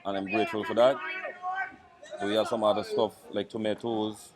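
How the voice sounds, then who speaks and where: A man from Saint Kitts with a Kittitian accent, giving casual, halting interview answers as a market vendor. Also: lowish voice, little pitch movement. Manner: halting, pausing often. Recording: busy crowd chatter behind. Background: crowd at a public market.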